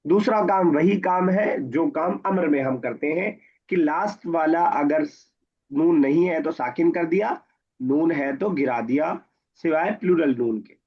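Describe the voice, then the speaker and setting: Gravelly man teaching a grammar class. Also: a little high, a little slow. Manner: patient, repeats points and quizzes students. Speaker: Arabic teacher. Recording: dull lo-fi recording.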